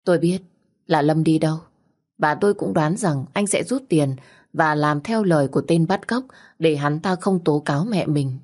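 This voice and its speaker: A woman narrating a dramatic story in the first person, with steady, dramatic storytelling. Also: low voice, moderate pace.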